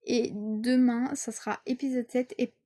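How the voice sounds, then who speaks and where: A woman in casual narration, wrapping up her roleplay series in a relaxed, chatty way. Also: fairly high pitch, a little slow.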